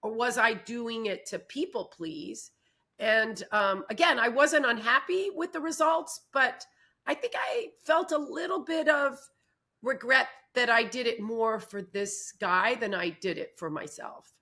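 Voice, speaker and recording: A woman co-host in a relaxed panel chat, sharing her own experience openly. She talks at an unhurried pace, and her voice is bright and sits fairly high. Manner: candid, speaks from personal experience.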